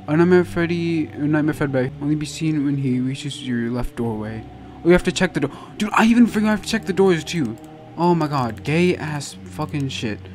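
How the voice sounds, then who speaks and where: A man's voice: a little high, animated, moderate pace, darkish tone, slight background noise. A young man giving casual let's play commentary as a game streamer, flustered and exasperated, swearing often. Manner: frequent profanity.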